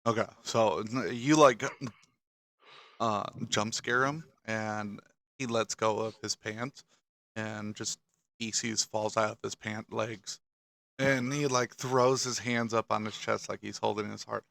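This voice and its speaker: A man narrating a tabletop game as dungeon master, halting and restarting often. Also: fairly low pitch, steady tone, vocal fry, fairly bright tone, dry recording, clean studio sound. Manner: halting, with many restarts and fillers.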